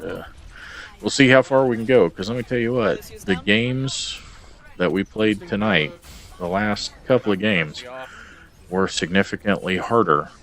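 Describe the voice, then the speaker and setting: Deep-voiced man rambling through a vlog. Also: a bit bright. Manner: rambling, hesitant, many ums and uhs. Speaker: gamer vlogger. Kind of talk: casual video log about his game stats.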